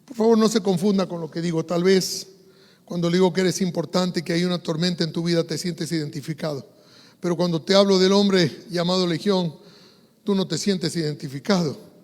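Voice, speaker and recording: A male pastor with an Ecuadorian Spanish accent delivers a sermon in a high voice. He drops to a hush and then rises into fervent, loud preaching. The sound carries the long reverb of a large church hall. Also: fairly even intonation, a little fast. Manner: swings from hushed to loud, preaching fervor.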